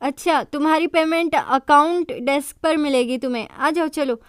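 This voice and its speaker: A woman's voice: sits high, fairly even intonation, moderate pace, no echo, clean studio sound, close to an everyday voice. A woman voicing a jealous, sarcastic young woman.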